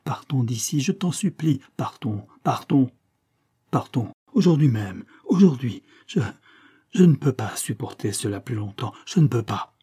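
A man's voice: medium pitch, animated, unhurried, slightly rough. A man reading aloud and voicing an old husband who stammers and pleads in desperation. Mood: pleading. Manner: stammering, pleading, rising to loud outbursts.

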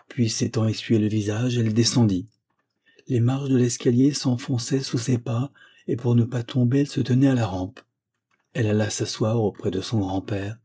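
Husky male audiobook narrator. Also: mid-range voice, mellow.

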